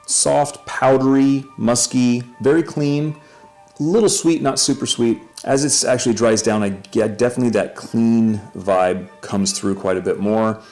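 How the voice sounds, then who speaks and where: A man's voice: mid-range voice, a little slow, darkish tone, faint music behind. A man hosting his own channel, giving a casual, upbeat first-impressions review and correcting himself as he goes. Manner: chatty, self-correcting, upbeat. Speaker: fragrance reviewer.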